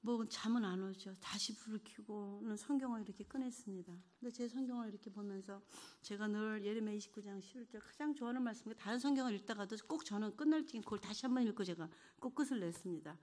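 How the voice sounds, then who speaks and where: A middle-aged woman giving an emotional church testimony, earnest, moving between hushed and fervent delivery. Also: medium pitch, fast talker, few pauses.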